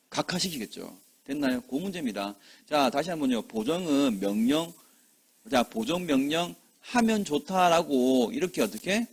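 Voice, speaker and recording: A man's voice: mid-range voice, breathy edge. A man teaching an exam-prep lecture, who keeps checking whether students follow and acts out short scenes with quoted voices. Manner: lively, rhetorical questions, checks understanding often.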